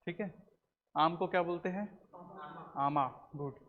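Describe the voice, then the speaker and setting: A man's voice: on the high side, a little slow. Man teaching a class. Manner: quizzes the class, repeats answers, says "ठीक है" often. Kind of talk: classroom lecture. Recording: roomy classroom recording, dull and slightly noisy.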